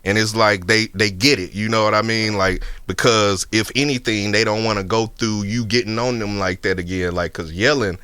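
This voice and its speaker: A man hosting a casual podcast interview, talking in a relaxed, conversational way with lots of "you know what I mean". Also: lowish voice, moderate pace, hardly any pauses, clean tone, no echo. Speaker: podcast host.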